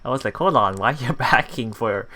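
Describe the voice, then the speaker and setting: For a let's play, a man reads a visual novel aloud, halting and repeating words and breaking off for casual commentary. His medium-pitched voice is animated, pushed and bright.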